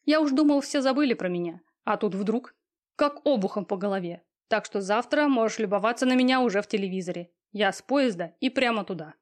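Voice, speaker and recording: A woman's voice: medium pitch, fairly quick, lightly acted. A woman voicing a smug, cold, lazy young man in an audiobook, talking in an offhand, sneering way with coarse slang. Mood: boastful. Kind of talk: audiobook reading.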